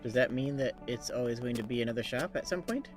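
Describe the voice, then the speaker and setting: A man chatting casually while playing a game, halting and repeating himself. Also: mid-range voice, lively intonation, faint music behind. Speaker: game player. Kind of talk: casual chat.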